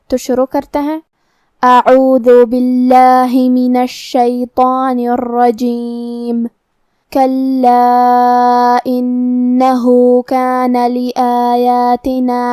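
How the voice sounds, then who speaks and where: A woman teaching Quran recitation, explaining each letter's sound patiently and step by step, then reciting verses very slowly. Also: high voice, a little mellow, no echo, studio quality. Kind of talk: step-by-step tajweed lesson with slow recitation.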